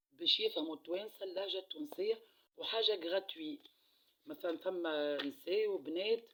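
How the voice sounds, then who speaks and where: A man's voice: fairly high pitch, sharp tone, husky, poor audio. A man with a Tunisian accent giving a casual card-reading monologue, repeating phrases and letting them trail off into a near-murmur. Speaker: card reader.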